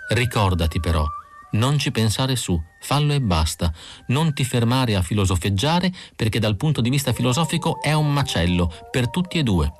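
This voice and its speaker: A man's voice: mid-range voice, sing-song, normal speed, soft background music, pitched above the performer's own voice, lightly acted. A man voicing a weary young female android. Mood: matter-of-fact. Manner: raised, light voice for the woman. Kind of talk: audiobook character reading.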